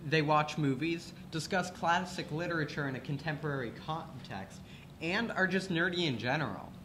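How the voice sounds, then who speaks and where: A man's voice: fairly high pitch, moderate pace, noisy background. Teenage boy reading school announcements. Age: teens. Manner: playful, joking reads. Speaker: student announcements anchor.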